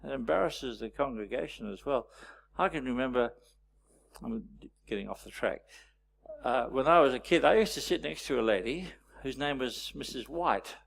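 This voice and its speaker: A man leading a storytelling workshop, teaching with wry anecdotes and frequent pauses. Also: mid-range voice, animated, vocal fry, a little hiss or hum. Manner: anecdotal, wry, pausing often. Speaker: workshop presenter.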